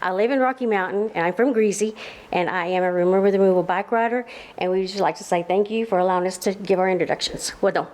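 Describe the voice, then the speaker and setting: A woman's voice: medium pitch, fast, a little mellow, slight background noise. A woman in her fifties reciting a formal introduction and thanking the council on behalf of the group. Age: 50s. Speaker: bike rider introducing herself.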